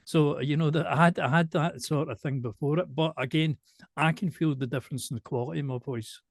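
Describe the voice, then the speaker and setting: A man from Glasgow with a softened Glaswegian accent, speaking slowly and precisely in a casual interview. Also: a little high, dry recording. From Glasgow, Scotland. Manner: slow, careful, deliberate delivery with restarts. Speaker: show presenter and singer, interviewee.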